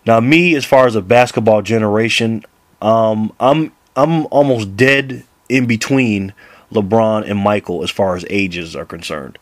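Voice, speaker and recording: A man in his late thirties talks casually to camera about basketball, rambling, restarting sentences and laughing often. His voice sits low. The sound is dry and close, with no room echo. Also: a little slow. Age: 30s. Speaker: basketball vlogger.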